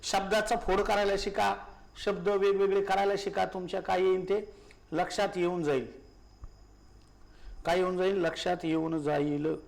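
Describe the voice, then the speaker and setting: A man's voice: sits high, little pitch movement, moderate pace, vocal fry. A male teacher giving a grammar lesson, asking questions and answering them himself, repeating key words and often calling his listeners brothers.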